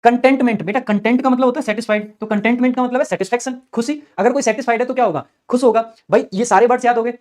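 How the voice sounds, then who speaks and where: A man's voice: very high voice, fairly even intonation, racing, few pauses, a little mellow. A man teaching English vocabulary for exams in a chatty way, repeating key words in a chanting rhythm. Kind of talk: exam-prep vocabulary lesson with memory tricks.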